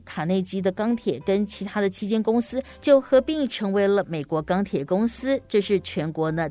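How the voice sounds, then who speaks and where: A woman's voice: medium pitch, a little mellow. A woman telling an explanatory story to young children in a teacherly way, addressing her little listeners directly and often ending phrases on particles.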